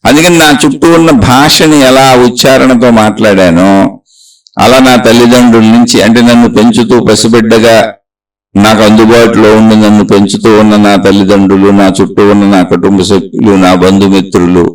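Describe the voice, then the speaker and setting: A man giving a slow, reflective spiritual talk, working through long lists of examples. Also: lowish voice, steady tone, distant mic, low-quality recording. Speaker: spiritual teacher. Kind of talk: spiritual discourse.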